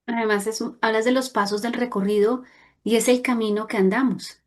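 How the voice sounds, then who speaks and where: Earnest woman with a bit of a high voice, talky reflective chat, leans into words. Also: steady tone, brisk. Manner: earnest, emphatic, at times raising her voice for stress. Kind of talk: reflective conversational talk.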